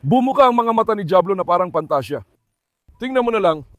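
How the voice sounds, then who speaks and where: Isang lalaking nagkukuwento sa mga manonood habang inaalo ang kanyang mga aso. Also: male voice, high voice, expressive, fast, a bit bright, no room sound, studio quality. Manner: talks to viewers and coaxes his dogs. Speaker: dog owner narrating his dogs. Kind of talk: casual vlog commentary.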